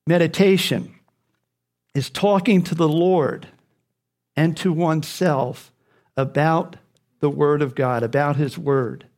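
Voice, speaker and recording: A man's voice: a little high, takes it slowly, pauses often, darkish tone. A man preaching a sermon, speaking earnestly and repeating key phrases for emphasis.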